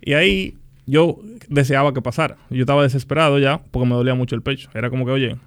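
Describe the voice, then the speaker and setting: A young man, a podcast guest, telling his story in a relaxed, animated and joking way. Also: medium pitch, fast. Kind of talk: casual interview conversation.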